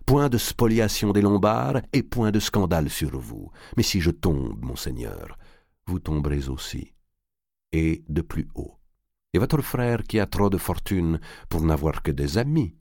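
A man playing a scheming merchant, cool and cutting, deep voice, lively pitch, dry sound. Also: measured pace, dry recording, heavily acted. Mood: cold. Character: cold calculating middle-aged male merchant.

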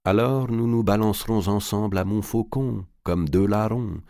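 A man voicing a cold, calculating merchant who speaks in a cool, deliberate, cutting way. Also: lowish voice, very animated, darkish tone, dry recording, clean studio sound, pitched above the performer's own voice, heavily acted. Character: cold calculating middle-aged male merchant.

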